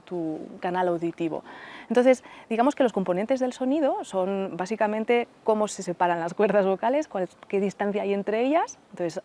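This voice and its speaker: A woman professor, a guest on a radio interview, explaining speech sounds in a measured way with examples. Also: mid-range voice, a little mellow. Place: radio studio.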